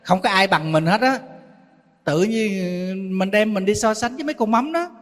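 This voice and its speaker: A man, a Buddhist monk with a Southern Vietnamese accent, giving a sermon full of lively stories and acted-out quoted voices. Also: high voice, normal speed. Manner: storytelling, acting out quoted voices, teasing. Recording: long hall reverb.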